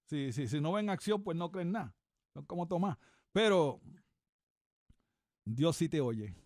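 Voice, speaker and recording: Animated preaching man, high dry voice. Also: unhurried, no room sound. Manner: animated, repeats questions, looks up verses aloud. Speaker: reverend and radio preacher. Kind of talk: conversational radio sermon.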